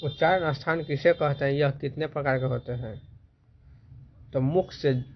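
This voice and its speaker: A man teaching grammar, explaining definitions slowly and repeating them so students can write them down. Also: mid-range voice. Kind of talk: slow classroom explanation. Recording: dull lo-fi recording with faint noise.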